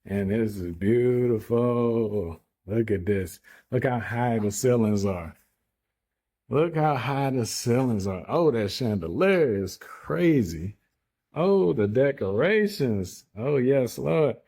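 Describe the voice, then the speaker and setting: Mellow man on a casual home tour. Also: medium pitch, takes it slowly. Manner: relaxed, admiring, talks to viewers as y'all. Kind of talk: casual walkthrough chat.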